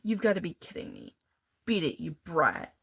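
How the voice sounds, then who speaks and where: A rough young male street thug, as a woman reading aloud plays him. He talks in a sneering, dismissive way, with clipped, impatient lines. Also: fairly low pitch, sing-song, moderate pace, a bit bright, no echo, full character voice.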